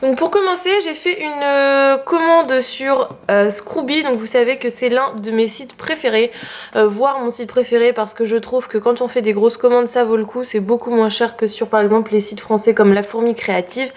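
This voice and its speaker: Chatty French woman vlogger. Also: fairly high pitch. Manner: chatty, many fillers, upbeat. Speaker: craft vlogger. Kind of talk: casual haul video.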